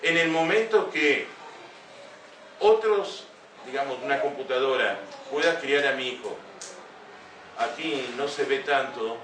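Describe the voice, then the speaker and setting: An older man speaks earnestly to a young audience, stopping often to ask rhetorical questions. His voice comes from some way off the mic in an echoey room, with steady room noise behind him. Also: mid-range voice, a little slow, pauses often. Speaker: speaker giving a talk. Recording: echoey room heard from a distance.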